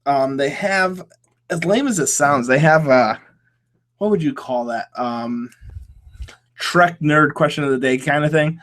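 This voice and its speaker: A man's voice: on the high side, unhurried, fairly bright tone. A man talks on his own podcast in an easy, casual way. He rambles and hesitates, trailing off and restarting his sentences often. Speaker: podcast host. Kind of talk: casual solo podcast chat.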